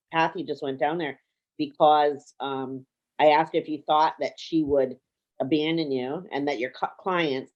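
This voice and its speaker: Woman coach talking someone through it slow and calm, repeats stuff, bit dull lo-fi sound. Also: low-pitched. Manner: calm, slow and repetitive, drawing out key phrases. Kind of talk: guided coaching conversation.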